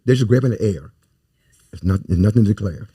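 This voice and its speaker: Man, youth coach, earnest, repeats himself, low-pitched, dark, dry studio sound. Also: quick pace, husky, no room sound. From Louisiana, USA. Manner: earnest, repeats words, rhyming sayings. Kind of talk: casual talk show conversation.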